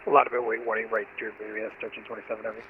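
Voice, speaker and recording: Man, low voice, extremely quick pilot radio calls over a headset, plenty of static-like noise. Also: little pitch movement. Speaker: flight-simulation cargo pilot on radio. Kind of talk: clipped radio readbacks. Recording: tinny, clearly noisy radio transmission.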